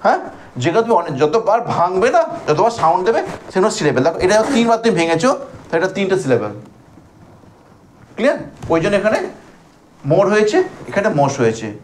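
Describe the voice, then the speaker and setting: A high-pitched male English teacher with a Bengali accent runs a grammar class, calling on students by name and quizzing them. He stretches out words to count syllables in a sing-song, fairly quick manner, over a light background hiss.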